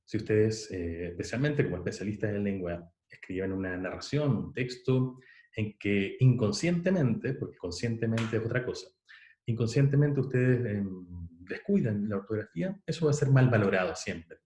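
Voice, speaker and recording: A man's voice: fairly low pitch, lively intonation, moderate pace, dark tone. A man, giving a university class and explaining step by step, with frequent fillers and restarts. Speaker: university lecturer. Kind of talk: online class lecture. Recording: echoey room.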